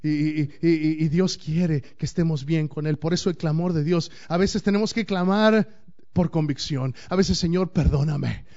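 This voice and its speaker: A man preaching a sermon as pastor, swinging between loud declaiming and hushed, intimate passages. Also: fairly high pitch, normal speed, highs cut off.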